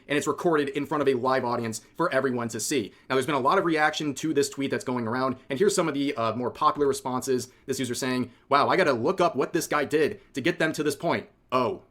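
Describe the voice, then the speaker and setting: A man presents opinion commentary in the style of online news. His pitch sits in the middle and his pace is very quick. He speaks emphatically, driving points home by repeating them. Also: a bit bright. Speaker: commentary video creator.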